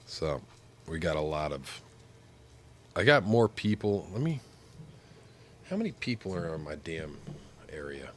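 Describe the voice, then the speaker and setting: A man with a very low voice talks slowly and casually, as on a game stream. He is ill with the flu, so he sounds blocked up and nasal, as though his nose were being pinched. He rambles and repeats himself for emphasis, with some noise behind him. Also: big pitch swings. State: sick with flu, stuffed-up sinuses. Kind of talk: casual livestream chat while gaming.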